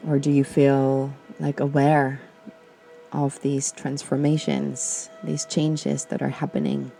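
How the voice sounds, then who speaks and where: A woman from Austria hosting a podcast, guiding listeners through a slow, gentle reflection with many pauses and fillers. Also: extremely low pitch, flat delivery, gravelly, faint music behind. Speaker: podcast host. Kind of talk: guided reflection and personal talk.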